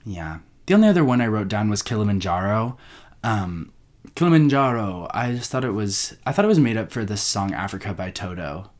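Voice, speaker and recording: A man's voice: on the low side, expressive, a little fast, darkish tone. A young man hosting a solo podcast, rambling casually and interrupting himself as he chats. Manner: rambling, self-interrupting, chatty. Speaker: podcast host.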